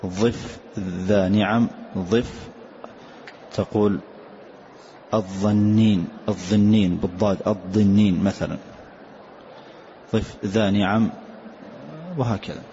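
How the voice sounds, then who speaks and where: An older man, a sheikh, explains the rules of a recitation poem line by line in a calm, repetitive way, often saying "yes" between points. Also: fairly low pitch, takes it slowly, long pauses. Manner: calm, repetitive, answers with short "na'am". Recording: dull lo-fi lecture recording with faint hiss.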